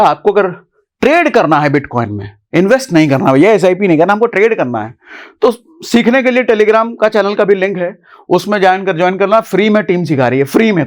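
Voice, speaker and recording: A man hosting a casual finance explainer, chatty and animated, talking straight to viewers like a friend. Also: high-pitched. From India. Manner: chatty, animated, often addresses viewers as brother. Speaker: finance YouTuber host.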